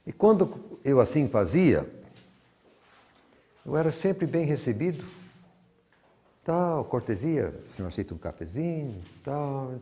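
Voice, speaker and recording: A man's voice: mid-range voice, sing-song, a little slow, pauses often, mellow. Older man, brazilian portuguese accent, bible teacher, rambling conversational lesson, trails off often. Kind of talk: teaching talk with personal anecdotes.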